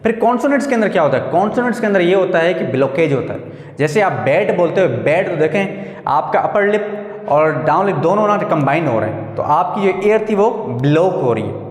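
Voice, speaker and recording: A man with a fairly high voice teaches a grammar lesson, walking through each point slowly and putting questions to his listeners. He repeats words as he goes. The sound rings with a long reverb, as if he is recording in a bare room. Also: lively intonation. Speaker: English teacher.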